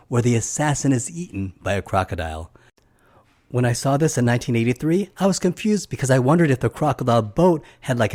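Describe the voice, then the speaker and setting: A man's voice: medium pitch, a little mellow. A middle-aged man narrating a film recap for his channel, chatty and enthusiastic, with personal asides. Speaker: film reviewer.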